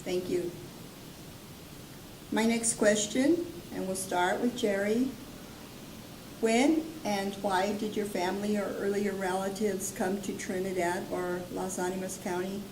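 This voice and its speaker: A woman's voice: medium pitch, fairly even intonation, measured pace, far from the mic. Polite woman interviewer, off-mic. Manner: polite, brief prompts. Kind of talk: interview questions. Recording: echoey room, off-mic, background noise.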